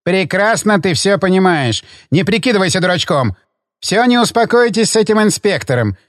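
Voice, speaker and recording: A man's voice: high voice, animated, normal speed, dry recording, studio quality. A man doing a bullying, furious older boss. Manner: barking, bullying, shouting. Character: domineering angry older man, hotel owner.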